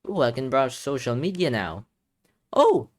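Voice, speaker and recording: A gaming video creator gives playful game commentary, reading story text aloud and breaking in with animated exclamations between the read passages. His voice is mid-range at a measured pace, and it sounds a little tired and strained.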